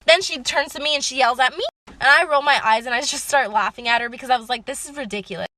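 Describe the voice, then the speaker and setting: A young woman telling a casual story-time monologue, lively and emphatic and swearing freely. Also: high-pitched, fast talker.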